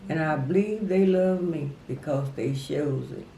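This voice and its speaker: A woman in her eighties, speaking slowly and earnestly in a heartfelt family interview. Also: deep voice, warm tone, a little hiss or hum. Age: 80s. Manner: slow, earnest and plain-spoken. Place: family home. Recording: roomy sound with faint background.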